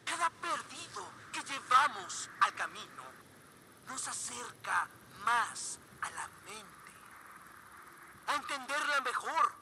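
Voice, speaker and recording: A menacing, coaxing cult preacher from a video game. His high voice moves slowly and incantatorily, swinging from hushed to insistent, with clear ambient noise behind it. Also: exaggerated voice.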